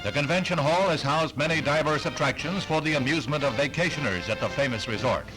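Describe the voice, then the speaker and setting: Male old-newsreel announcer, slightly high voice, formal delivery, music bed underneath. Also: fast, low-quality recording. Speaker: newsreel narrator. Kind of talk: 1960s newsreel narration. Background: music under the narration.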